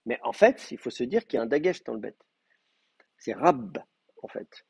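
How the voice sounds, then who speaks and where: Gravelly-voiced man teaching a class. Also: medium pitch, very animated, fast, darkish tone, no room sound. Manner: explanatory, frequent hesitations and fillers. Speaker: Hebrew teacher. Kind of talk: live class lecture.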